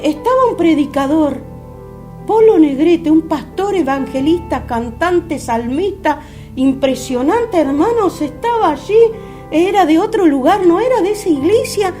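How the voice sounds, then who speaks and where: A woman in her fifties with an Argentine accent giving a fervent religious testimony on her radio program. She talks haltingly and keeps calling her listeners brothers. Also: very high-pitched, lively intonation, dark tone, faint music behind. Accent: Argentine Spanish. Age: 50s.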